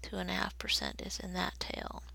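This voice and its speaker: Here a woman's lowish, gravelly voice swoops wildly in pitch, bright and forceful yet whispered, over poor audio. She walks through a recorded statistics lesson step by step, speaking slowly and deliberately as she draws on a graph.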